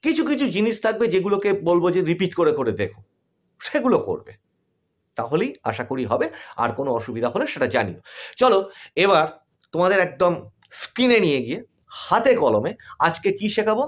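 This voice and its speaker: Lively Bengali man teaching English. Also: sits high, brisk, long pauses, no room sound. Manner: explains step by step, checks in with "right?". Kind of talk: online class lesson.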